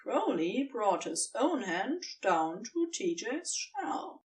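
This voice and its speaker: A woman narrates fiction in a fairly high, very melodic voice, giving an expressive storybook reading. She speaks slowly and is recorded from a distance, a little away from the mic.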